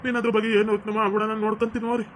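A woman's voice: on the high side, level tone, a little hiss or hum, lightly acted, low-quality recording. A woman playing a guilty, pleading young husband. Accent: North Karnataka Kannada. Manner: rapid, pleading, self-pitying. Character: guilty young husband fussing over his wife.

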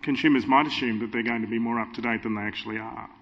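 A man's voice: medium pitch, fairly even intonation, slight background noise. Guy in his 30s on a panel, careful hedged answers, dull sound, long hall reverb. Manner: measured, qualifying answers. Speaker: panelist giving legal advice. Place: large conference hall stage. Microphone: table mic.

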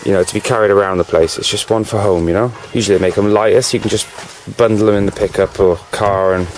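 Low-voiced British man rambling casually. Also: steady tone, fast talker, faint music behind, poor audio. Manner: rambling, full of "you know", talking with a cigarette in his mouth. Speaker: vlogger.

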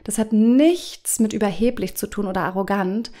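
A woman coach hosting a podcast, speaking to the listener in a gentle, guiding way, sometimes letting phrases sink to a soft whisper. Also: mid-range voice, moderate pace. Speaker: business coach and podcast host.

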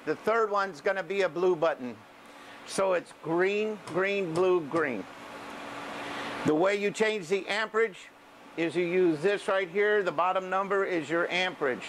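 An older man who teaches welding walks a class through the steps in a casual, folksy manner, frequently checking in with "okay." His voice is high-pitched and a little slow, with background noise, in an indoor school welding shop and classroom.

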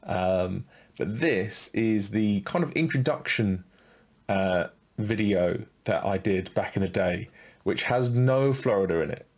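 A man co-hosting a podcast, talking in a relaxed, halting way as he thinks aloud. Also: on the low side. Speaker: podcast co-host. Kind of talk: casual podcast commentary.

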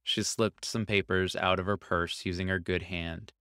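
A man with a low, deep voice narrates a short story in a calm, even manner. His tone is smooth and resonant. The recording is dry and close, with no room sound. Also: normal speed, dry recording. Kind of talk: scripted narration.

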